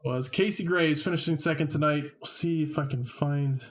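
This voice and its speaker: A man's voice: fairly high pitch, normal speed, over music. A man doing casual post-race interviews from a broadcast booth, upbeat and chatty, laughing often.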